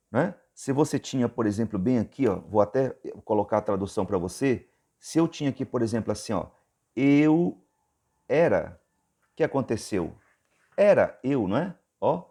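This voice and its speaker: A male English teacher with a Brazilian Portuguese accent walks through grammar on a board. His voice is dark and mellow, and he goes over each point patiently, often checking that the viewer is following. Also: medium pitch. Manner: patient, repeats points, many "tá bom?" check-ins.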